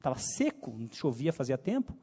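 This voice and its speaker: A Brazilian youth preacher in his thirties, with a São Paulo countryside accent, delivers a sermon to young people as a personal story, his voice swinging between loud and soft. He sounds mid-range, husky, very animated, and brisk. The church hall adds reverb.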